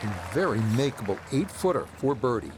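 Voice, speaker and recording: A man's voice: mid-range voice, very animated, brisk, darkish tone, a little hiss or hum, lightly acted. A man giving play-by-play as a golf commentator, with a polished broadcast delivery. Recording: music and crowd behind the voice. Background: music, crowd.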